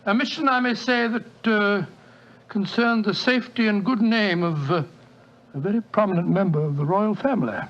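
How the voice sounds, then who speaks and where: An actor playing a genial elderly doctor, Watson, telling a story in bluff, old-fashioned 1940s radio style. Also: male voice, high-pitched, moderate pace, fairly bright tone. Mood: storytelling. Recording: dull lo-fi 1940s radio recording.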